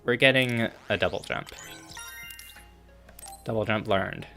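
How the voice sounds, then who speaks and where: Low-voiced man streaming a game. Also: measured pace, vocal fry, soft background music. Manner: relaxed, reads out game menus with filler ums. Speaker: gaming streamer. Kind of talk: casual let's-play commentary.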